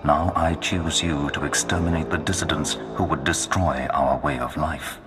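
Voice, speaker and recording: A menacing Sith dark lord in a video game, with an extremely low voice. He speaks with slow, grandiose command. Long reverb surrounds him and music plays clearly behind. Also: steady tone. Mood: solemn, commanding. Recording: long hall reverb under loud music.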